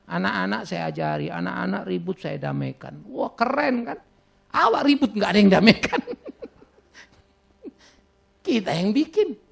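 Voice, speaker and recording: A man's voice: high voice, expressive, moderate pace, vocal fry, pauses often. A middle-aged man with a Batak accent preaching a sermon, telling stories and teasing his congregation. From Indonesia. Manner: storytelling, teasing the congregation, breaks into laughter. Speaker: pastor.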